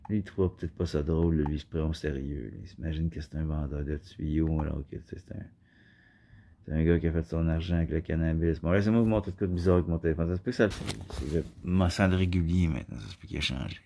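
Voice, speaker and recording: A man's voice: extremely low pitch, quick pace, vocal fry, mellow, slight background noise. A man with a Québécois French accent, rambling in a casual vlog monologue and speaking straight to the viewer. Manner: meandering, addresses the viewer directly, frequent filler "là". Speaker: vlogger.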